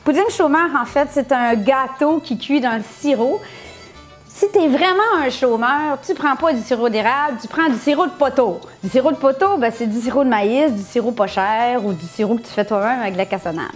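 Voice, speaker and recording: A woman's voice: on the high side, normal speed, soft background music. A woman hosting a casual cooking tutorial, playful and jokey. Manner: playful, jokey, laughs often. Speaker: cooking show host.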